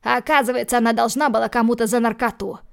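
A woman voicing a spiteful, cornered young male addict who yells and pleads in shrill outbursts, for an audiobook. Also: steady tone, fast, vocal fry. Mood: pleading.

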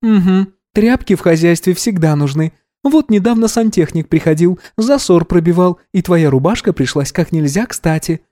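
A man reading an audiobook voices a sharp-tongued young woman who can turn into a panther, curt and defiant. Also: sits high, moderate pace, hardly any pauses, pitched above the performer's own voice, natural voice. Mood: teasing.

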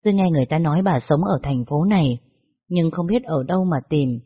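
A narrator voicing an elderly man, a street zither player, who speaks in a halting, trembling way. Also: mid-range voice, lively intonation, slightly rough. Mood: tremulous. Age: over 60. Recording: dull lo-fi recording.

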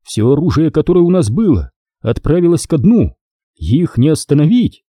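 A man voicing a wary, defiant former pirate captain woman in a dark, husky voice, reading dialogue from an audiobook. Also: fairly high pitch, big pitch swings, moderate pace, no echo, voice pushed up. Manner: skeptical, challenging questions.

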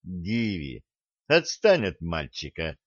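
A man as a calm, firm ship captain. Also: medium pitch, unhurried, no echo, dull audio, natural voice.

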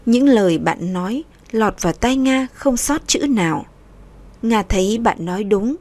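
A woman narrating a story in an even, unhurried storytelling manner. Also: mid-range voice.

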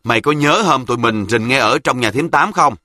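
A man voicing a clever, bossy boy from the south who speaks quickly and confidently with a Southern Vietnamese accent. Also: mid-range voice, animated, sharp tone, dry recording, studio quality. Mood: scheming. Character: sharp, know-it-all southern boy, ringleader.

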